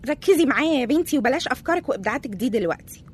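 A woman's voice: high-pitched, lively intonation, a little hiss or hum. An actress playing a vain, bossy woman TV reporter who bosses her assistant, with an Egyptian accent. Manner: fussy, bossy, rapid.

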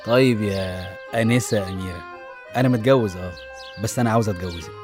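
A man's voice: on the low side, fast talker, lightly acted. A man with an Egyptian accent playing a brash married man, smug and insistent, with music behind. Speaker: married suitor. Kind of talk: radio drama acting.

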